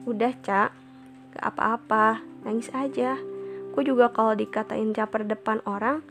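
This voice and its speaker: A gentle, cautious teenage girl who softly comforts a friend, as the storyteller quotes her. Her voice is a little high, with faint music behind. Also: fairly even intonation, normal speed. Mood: comforting.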